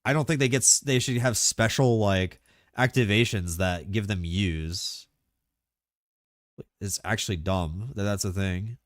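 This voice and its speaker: A man streaming live, chatting casually and excitably about game mechanics, rambling with lots of filler words. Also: on the low side, unhurried, no echo, studio quality.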